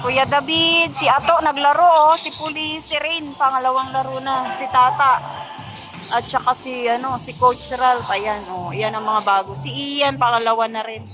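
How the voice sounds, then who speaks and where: A woman's voice: high voice, fairly even intonation, moderate pace. A woman casually calling a basketball game, chatty and teasing as she names each player. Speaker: courtside commentator. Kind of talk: casual play-by-play commentary. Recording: music playing under voice.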